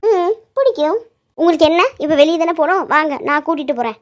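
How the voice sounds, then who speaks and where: A woman's voice: very high voice, fast talker. A woman voicing a sulky, affectionate young woman in a cartoon, pouting and insistent. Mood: coy. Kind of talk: cartoon voice acting.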